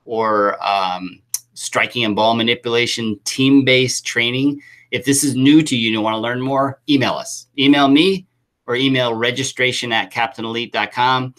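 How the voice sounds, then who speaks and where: A man's voice: medium pitch, fairly even intonation, moderate pace, a bit bright. A man coaching youth soccer, talking through a live chat Q&A with enthusiastic, rambling restarts.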